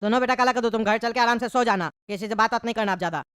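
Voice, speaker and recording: A woman voicing a calm adult male doctor who explains things in a measured way, in a comedy sketch. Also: on the high side, smooth, no echo, studio quality, pitched below the performer's own voice, natural voice. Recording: loud background noise.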